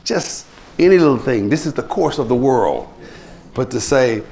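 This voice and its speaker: A man delivering a sermon as a pastor, his voice swinging widely in pitch as he dramatizes the people in his stories. He moves between talking to the congregation and mimicking them. The delivery stays lively throughout. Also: moderate pace, slight background noise. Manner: preachy, animated, acts out quoted people in rising pitch. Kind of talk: sermon with anecdotes.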